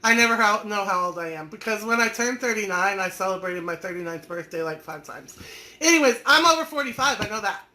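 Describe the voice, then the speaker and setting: A woman in her forties who hosts an online business community chats folksily on a live stream, teasing viewers by name as she reads their comments. Her mid-range voice is bright and forceful, with lively intonation and a fairly quick pace.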